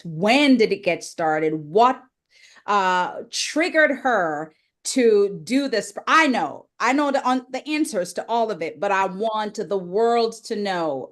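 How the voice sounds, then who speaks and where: A woman moderating a live book launch on a video call. She speaks with enthusiasm and asks the host questions. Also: mid-range voice. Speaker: moderator and interviewer. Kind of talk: live launch event interview. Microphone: video conference call.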